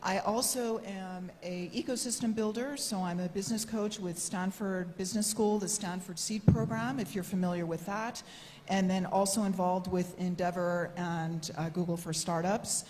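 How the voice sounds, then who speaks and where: A woman with a lowish voice introduces herself formally on a panel, courteous and very polite throughout. She is recorded in a reverberant hall with some background noise. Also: steady tone, normal speed, a little mellow. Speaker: panelist, venture investor. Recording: echoey hall microphone, noisy room.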